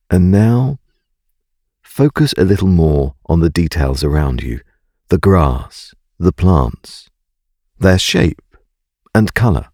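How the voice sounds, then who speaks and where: A man narrating a scripted guided meditation in a calm, gentle, soothing and unhurried way. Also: a bass voice, no room sound, studio quality.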